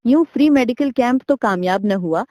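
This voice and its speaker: A woman telling a funny children's story about animals in a lively, light comic way, as scripted narration. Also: a little high, normal speed, no echo.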